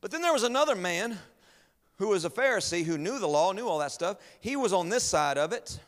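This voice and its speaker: A man's voice: high voice, animated, fairly quick. Impassioned male preacher in a hall. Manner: impassioned, rhetorical, swings between loud and hushed. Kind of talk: sermon. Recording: long hall reverb.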